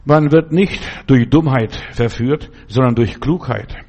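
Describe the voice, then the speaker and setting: A man's voice: mid-range voice, measured pace, dark tone, breathy edge. Older German man preaching earnestly. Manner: earnest, repetitive exhortations with frequent restarts. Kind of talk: sermon.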